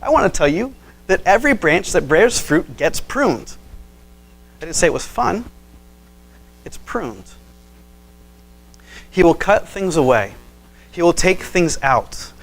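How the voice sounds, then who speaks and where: A man's voice: sits high, very animated, takes it slowly, vocal fry, long pauses. A man preaching a conversational sermon. He tells stories with animation and acts out the people he quotes, with frequent fillers and restarts. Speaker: pastor.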